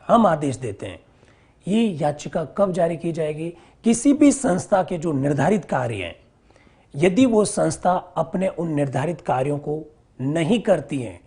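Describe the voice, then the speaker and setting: A man teaching an exam-prep lecture, who repeats key terms slowly and asks and answers his own questions. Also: a little high, mellow, breathy edge.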